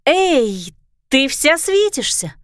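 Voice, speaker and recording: A woman reading a storybook, voicing an earnest, careful young heroine in a steady voice. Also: high-pitched, slow pace, no room sound, studio quality, pitched above the performer's own voice, full character voice. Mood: curious.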